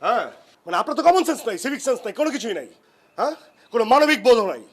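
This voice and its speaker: An irritated, scolding neighbor. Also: male voice, extremely high pitch, very animated, rapid-fire, far from the mic, full character voice. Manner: scolding, shouting commands. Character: irritated young male neighbor, guitarist. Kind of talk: comedy drama acting. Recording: echoey room, mic from afar, music.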